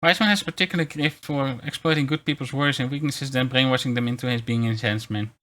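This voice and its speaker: A man's voice: medium pitch, steady tone, fast talker, bright, forceful tone. A man streaming casual commentary as a VTuber, rambling and stumbling over his words as he reads aloud. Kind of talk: casual livestream commentary, reading articles aloud.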